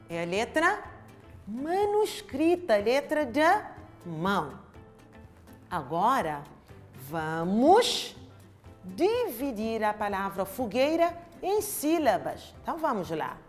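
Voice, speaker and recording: Slow, lively European Portuguese woman teacher. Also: on the high side, soft background music. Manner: slow, drawn-out syllables with exaggerated emphasis for young children. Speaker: primary school teacher. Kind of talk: televised home-learning lesson.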